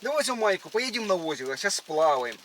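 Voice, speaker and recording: A man's voice: high voice, very animated, fast talker, a bit bright. A man playing a brazen freeloading suitor in a prank date, pushy and boastful, with slushy lisped sibilants and slangy speech. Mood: pushy, cajoling. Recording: noisy location sound.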